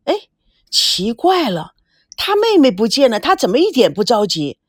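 Audiobook: a calm, worried young man, read by a woman, lively and dry. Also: fairly high pitch, moderate pace, husky, dry recording, heavily acted.

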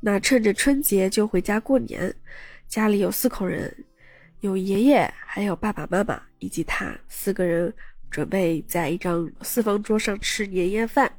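A woman's voice: mid-range voice, moderate pace, a little mellow, dry recording. A woman podcast host casually retelling a story, chatty, with personal asides to her listeners.

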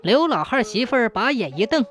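Expressive woman telling a ghost story. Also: fairly high pitch, faint music behind. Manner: measured, suspenseful, expressive. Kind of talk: scripted ghost story narration.

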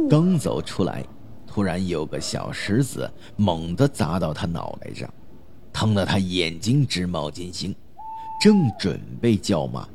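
A man narrating a spooky folk tale in a measured, dramatic way. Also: deep voice, gravelly, a little mellow, slight background noise. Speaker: storyteller.

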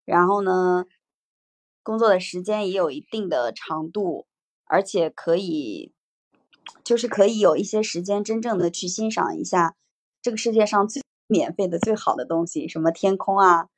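A woman's voice: fairly low pitch, moderate pace, dry recording. A woman hosting a casual livestream discussion, reflective, reading out viewer comments and musing on them. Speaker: podcast host.

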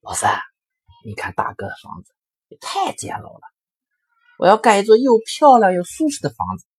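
A man's voice: high-pitched, wildly swooping pitch, normal speed, breathy edge, pitched above the performer's own voice, heavily acted. A man voicing the proud middle pig of three brothers in a storybook tale, looking down on his brother's straw house. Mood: boastful. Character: middle little pig, young male, proud and fussy.

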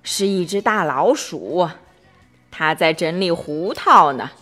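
A woman's voice: fairly low pitch, takes it slowly, soft background music, heavily acted. A woman voicing a patient, sleepy male barnyard friend who soothes the little ones to sleep. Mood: sleepy calm. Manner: calm, soothing, yawning.

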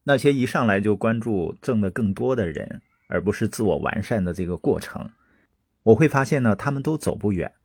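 A man's voice: lowish voice, animated, a little fast, darkish tone, slightly rough, no room sound. A man giving an earnest, persuasive motivational monologue about business and character, posing rhetorical questions to his listeners.

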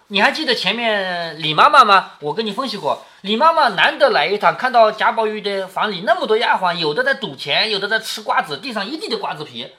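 A father reads a classic novel aloud to his daughter and breaks off to explain it. His voice is bright and carries a clear edge, and it swings widely in pitch. He keeps asking short checking questions and gives the quoted lines a raised, acted lilt. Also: very animated, a little fast, few pauses. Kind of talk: reading aloud and explaining the text.

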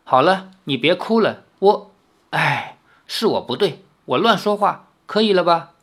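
A man playing a cheeky sharp-tongued young rascal. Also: sits high, animated, unhurried, pitched above the performer's own voice, exaggerated voice. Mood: sarcastic. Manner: teasing, sarcastic.

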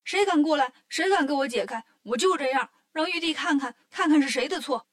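A woman's voice: high-pitched, brisk, lightly acted. A woman voicing the cheeky, stubborn male Monkey King in a children's story, speaking brashly. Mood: cocky.

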